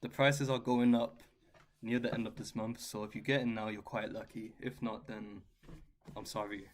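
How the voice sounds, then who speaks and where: A man giving a relaxed guitar lesson and answering viewers' questions, with a chatty, loose, slangy way of talking. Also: lowish voice, moderate pace. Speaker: guitar teacher. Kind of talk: casual live-stream Q&A. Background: his own guitar playing.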